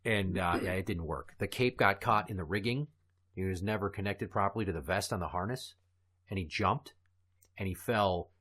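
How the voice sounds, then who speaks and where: A man's voice: low voice, moderate pace. A man hosting a comedy podcast, chatting casually and telling crude, morbid jokes. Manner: dark crude joking, storytelling. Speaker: podcast host.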